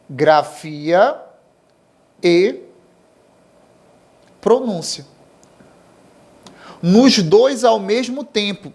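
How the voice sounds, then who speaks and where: High-voiced Brazilian teacher explaining grammar. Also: male voice. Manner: explanatory, checks in with "certo?" and "tá bom?"; slows and stresses key terms. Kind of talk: recorded grammar lesson.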